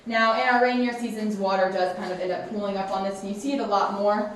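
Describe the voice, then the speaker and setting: Speaking fast at a medium pitch with fairly even intonation, a woman leads a group through a cave as their guide, keeping her explanations casual. Her voice comes through a distant mic in a very echoey space, with a little faint noise.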